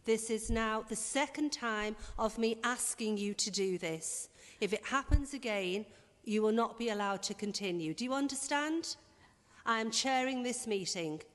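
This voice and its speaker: Stern woman as chair of a council meeting, slightly high voice, long chamber reverb. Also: moderate pace, fairly bright tone. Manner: firm, stern, insistent.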